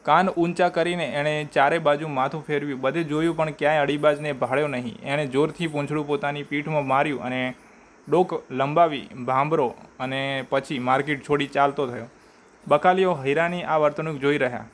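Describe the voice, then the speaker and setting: A man reading a short story aloud in a measured way, sometimes stopping to restart a word. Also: a little high, fairly even intonation.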